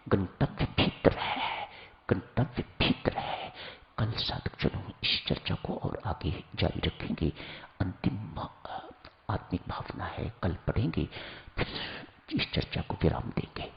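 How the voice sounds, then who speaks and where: Slow, gravelly male preacher. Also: on the low side, wildly swooping pitch, muffled recording. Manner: slow, instructive, addresses listeners as seekers. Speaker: spiritual preacher. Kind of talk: sermon.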